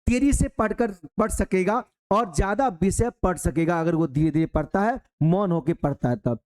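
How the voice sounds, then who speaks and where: A man's voice: sits high, moderate pace, a little mellow. A man giving a Hindi exam-prep lesson in a colloquial way, asking the class a question and then answering it himself. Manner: colloquial, addresses listeners as "babu".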